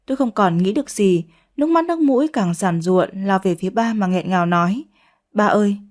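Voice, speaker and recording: A woman narrating a first-person romance story in a steady, unhurried storytelling voice. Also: medium pitch. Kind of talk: scripted audiobook narration.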